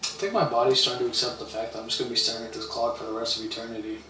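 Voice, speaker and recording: A man's voice: mid-range voice, level tone, rapid-fire, sharp tone, recorded from a distance, a little hiss or hum. A young man streaming, telling a rambling, slangy story in casual chat and quoting people in voices. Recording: roomy, off-mic with faint ambience.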